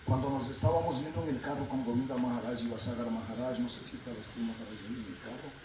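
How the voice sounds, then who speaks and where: A man from Peru with a Peruvian Spanish accent, giving a spiritual talk and telling stories about his teachers. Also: fast talker. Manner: storytelling, quoting his teachers, animated rises in pitch. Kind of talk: sermon. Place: talk in a room in Lima. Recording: roomy, distant mic, noisy background.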